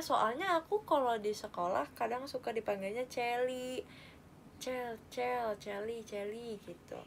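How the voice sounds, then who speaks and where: A young woman chatting casually on a livestream, halting and giggly, with a lisp on her r sounds. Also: on the high side, creaky. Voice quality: lisping, imprecise r sound. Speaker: idol livestream host. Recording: faint background noise.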